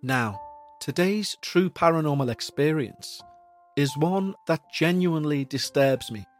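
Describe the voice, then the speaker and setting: Ominous male late-night storyteller, music behind. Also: medium pitch. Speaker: podcast host. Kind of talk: scripted narration of paranormal stories.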